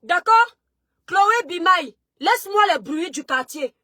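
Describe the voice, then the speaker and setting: A woman, hosting a live stream and shouting rapid, scolding questions at her viewers. She says her voice is going hoarse. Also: extremely high pitch, lively intonation, no room sound, clean studio sound. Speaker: livestream host. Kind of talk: heated live-stream rant.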